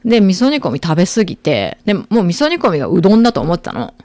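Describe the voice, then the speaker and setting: A middle-aged woman from Aichi, chatting and telling stories with a lot of energy. Her speech rushes along and her pitch swings widely while sitting a little low. The sound is dry and close to the mic. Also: no room sound. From Aichi, Japan. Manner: animated storyteller, lively quoting voices. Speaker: podcast host. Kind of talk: casual chat.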